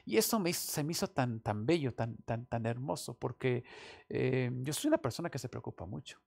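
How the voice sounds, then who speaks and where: A man's voice: medium pitch, sing-song, a little fast, vocal fry, a little mellow. A man preaching a sermon, earnest and repetitive, with frequent fillers and restarts as he tells a story and applies it. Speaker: pastor. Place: small room, recorded without an audience.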